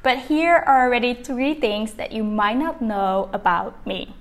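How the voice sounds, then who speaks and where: Measured in pace and fairly high in pitch, this chatty woman hosts her own podcast and works as a business coach. She's from Belgium, speaks Dutch as her first language, and her solo monologue comes across warm and encouraging.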